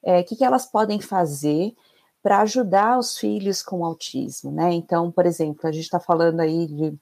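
A woman's voice: lowish voice, moderate pace, vocal fry, mellow. A woman moderating a church panel, asking questions with many hesitations and repeated words.

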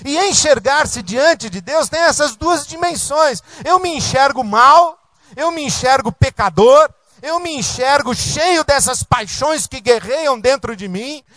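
A man's voice: very high-pitched, lively intonation, a little slow, bright, forceful tone, dry recording. A man preaching a sermon as pastor, in an emphatic, repetitive cadence.

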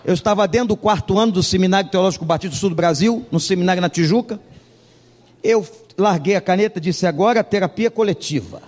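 A man's voice: high-pitched, quick pace, a little mellow, in a large hall. A male pastor preaching a sermon, telling a humorous story and acting out the dialogue of its people.

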